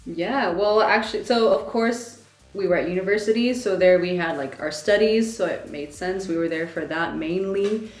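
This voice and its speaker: A woman's voice: lowish voice, moderate pace, roomy sound, soft background music. A young woman from the Czech Republic, a band singer, chatting casually in an interview and often laughing and quoting herself. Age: young adult.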